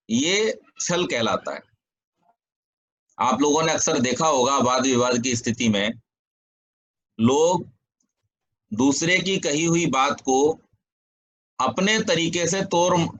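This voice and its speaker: Slow, measured male scripture teacher. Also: a little high, a bit bright, husky, low-quality recording. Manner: chants Sanskrit sutras slowly, then explains with everyday examples. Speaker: teacher of Nyaya philosophy. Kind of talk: scripture lesson, reciting sutras and explaining.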